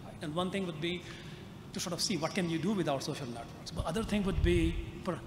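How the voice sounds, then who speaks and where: A man in the audience asks a long question, halting and repeating words often. His voice sits a little high for a man. It comes through an echoey, reverberant auditorium with clear background noise. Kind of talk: rambling spoken question. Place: large conference auditorium. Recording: echoey hall with audible noise.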